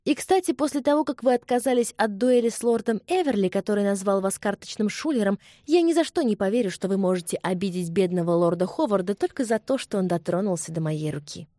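A woman reading the part of a proud young English lady who exclaims in a high-strung voice. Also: expressive, quick pace, hardly any pauses, mellow, dry recording, clean studio sound, natural voice. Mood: flustered.

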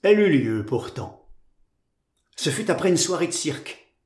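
Audiobook narrator: man, measured and literary, in a roomy echo. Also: fairly high pitch, very animated, a little mellow. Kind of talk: scripted narration.

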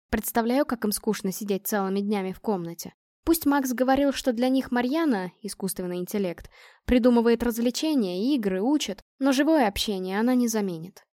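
A woman narrates a first-person audiobook with calm, measured pacing. Her voice sits a little high, and the recording is dry and close, with no room sound. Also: dry recording.

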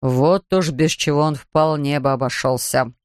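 A man voicing a pompous older male surgeon, gruff and sarcastic. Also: fairly high pitch, steady tone, a little slow, no room sound, clean studio sound, voice pushed down, close to an everyday voice.

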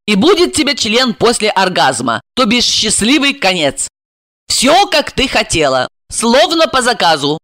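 A reader voicing a brisk, cold-blooded young woman in an audiobook who gives orders and mocks her friend. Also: mid-range voice, very animated, bright, forceful tone, dry recording, clean studio sound, pitched above the performer's own voice. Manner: brisk, commanding, sardonic.

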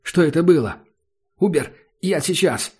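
A man's voice: fairly high pitch, animated, unhurried, a little mellow, husky, pitched above the performer's own voice, exaggerated voice. A man reading an audiobook and voicing an anxious, easily startled young male companion. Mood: alarmed.

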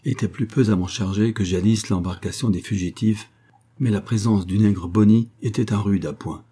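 A man narrating an adventure audiobook with a steady, dramatic reading. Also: deep voice, slightly rough.

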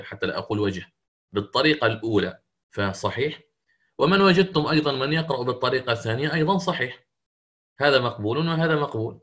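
A man teaching recitation rules in a recorded lesson, explaining step by step with frequent drawn-out filler pauses. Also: medium pitch, a bit bright. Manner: demonstrates recitation slowly and melodiously.

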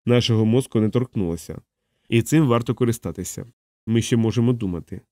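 A thoughtful male captain who reasons things through, as a male narrator voices him. His voice stays close to the reader's own, middle-pitched and dry. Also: fast talker, dark tone, no echo, natural voice. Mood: calm. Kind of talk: audiobook character voice.

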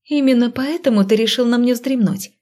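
A woman reading an audiobook, voicing a feisty young heroine whose retorts come out bright and teasing. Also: on the high side, fairly quick, pitched above the performer's own voice, close to an everyday voice. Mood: playful.

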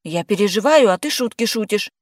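A reader voicing a nervous young woman stuck behind her door, anxious and quick to snap back. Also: mid-range voice, expressive, no echo, studio quality, pitched above the performer's own voice, natural voice. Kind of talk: audiobook character voice.

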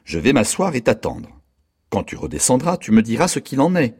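A man's voice: medium pitch, very animated, a little fast, darkish tone, slightly rough, voice pushed up. A man reading aloud, voicing an imposing, anxious middle-aged wife who fusses over her husband and gives him orders. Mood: fussing. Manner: fussing, giving orders.

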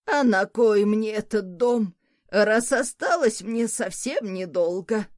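Lady reading as a grouchy old granny, slow disapproving grumble, dry close sound. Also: mid-range voice, lively intonation, a little mellow, no echo. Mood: grumbling. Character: grumbling old woman, stern and suspicious. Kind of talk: audiobook character voice.

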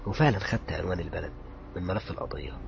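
A man with an Egyptian accent narrating a horror story in a dramatic way, dropping to a hush at tense moments. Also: low voice, racing, creaky, background noise. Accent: Egyptian Arabic.

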